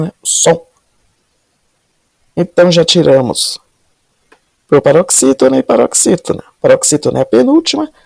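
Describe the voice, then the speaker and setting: Woman language teacher with a gravelly voice, patient question-and-answer explainer, dry close-miked room. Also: fairly low pitch, darkish tone, no room sound. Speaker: Portuguese teacher. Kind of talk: solving exam questions step by step.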